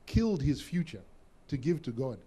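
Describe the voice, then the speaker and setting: Brief: thoughtful male guest, mellow tone, unhurried and sincere. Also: a little high, sing-song, slightly rough. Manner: earnest, reflective, repeats words as he thinks. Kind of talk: casual interview chat.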